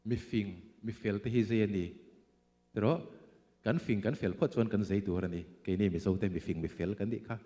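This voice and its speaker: A man delivering a sermon in a mellow, dark voice. He is emphatic, pushing out loud bursts and then dropping to quieter asides. A long church-hall reverb trails after every phrase. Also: on the low side, a little fast. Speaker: preacher.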